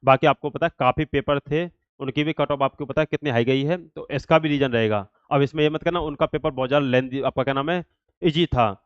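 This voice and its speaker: A man who hosts an exam update channel and coaches students gives them an informal, explanatory update, repeating himself and leaning heavily on fillers and habitual verbal tics. His mid-range voice is brisk and clean, with no room sound but a lo-fi quality.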